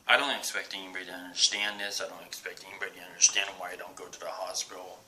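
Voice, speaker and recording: Very low-voiced man, halting and tense. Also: little pitch movement, a little hiss or hum, poor audio. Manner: halting, with many pauses and fillers; drops to a soft whisper at times. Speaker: vlogger. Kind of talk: personal confessional vlog. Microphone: camera he faces while recording.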